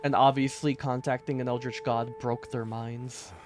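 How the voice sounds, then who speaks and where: A man's voice: mid-range voice, little pitch movement, normal speed. A man streaming a horror game, chatting casually and rambling with lots of fillers. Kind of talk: casual gameplay commentary. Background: game music.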